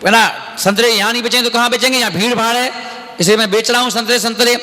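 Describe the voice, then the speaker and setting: A man's voice: very high voice, steady tone, fast talker, sharp tone, big-room sound. A man doing an aggrieved poor orange seller. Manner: pleading, complaining. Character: poor male street vendor of oranges, aggrieved.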